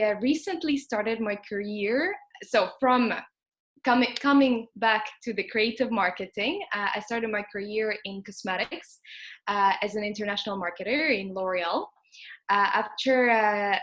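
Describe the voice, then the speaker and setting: A woman's voice: medium pitch, a bit bright. A young woman from Ukraine speaks in an interview over a video call. She talks with frequent "uh"s, restarts and self-corrections as she explains her career. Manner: hesitant, many fillers and self-corrections. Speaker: alumna guest. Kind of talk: conversational interview.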